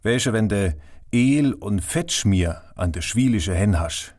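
A man's voice: fairly low pitch, expressive, slow pace, darkish tone. A man voicing a stubborn middle-aged craftsman father who speaks in a broad Saarland dialect, blunt and theatrical. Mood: teasing. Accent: Saarland German.

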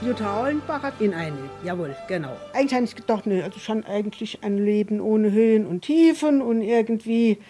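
An older woman, a grandmother, fondly telling a story and imitating her grandchild's excited voice. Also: medium pitch, fairly quick, few pauses, music in the background. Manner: fond, animated, imitates a small child's excited voice. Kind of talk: spoken anecdote.

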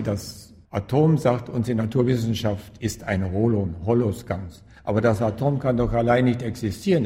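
A man answering interview questions as a spiritual teacher and author, calm and emphatic, repeating key phrases for stress. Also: medium pitch, in a large hall.

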